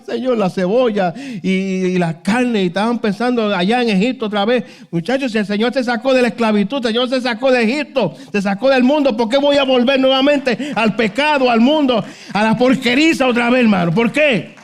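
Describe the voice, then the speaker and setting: Brief: male pastor, high voice, fervent sermon, rhetorical questions, constant "hermano". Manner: fervent preaching, constant "hermano" and "aleluya" interjections; rhetorical questions, voice rises and falls sharply.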